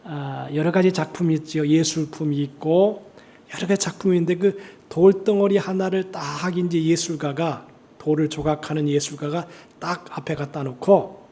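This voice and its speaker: A man's voice: high voice, a little mellow. A man preaching a church sermon as pastor, rising dramatically when he quotes scripture. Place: church sanctuary.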